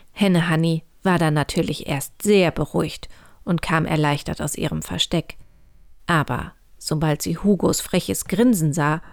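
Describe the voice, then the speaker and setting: A woman reading a children's story aloud in a calm, clear, unhurried way. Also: sits low, no echo, studio quality.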